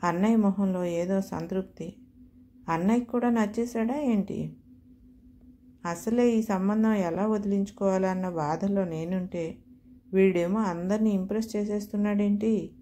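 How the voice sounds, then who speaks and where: Wry, mellow woman storyteller. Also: medium pitch, a little slow, slight background noise. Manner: wry, chatty, self-mocking. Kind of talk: first-person comic story reading.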